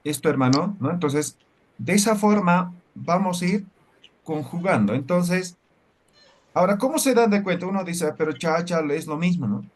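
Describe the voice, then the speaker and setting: A man's voice: high-pitched, animated, normal speed. A man teaching a language class. He explains step by step and keeps checking with the students through short questions. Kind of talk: classroom lecture.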